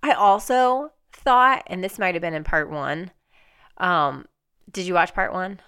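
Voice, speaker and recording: Bright, crisp-voiced chatty woman. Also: fairly low pitch, unhurried. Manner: chatty, animated, rising into excited emphasis. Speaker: podcast co-host. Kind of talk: casual chat.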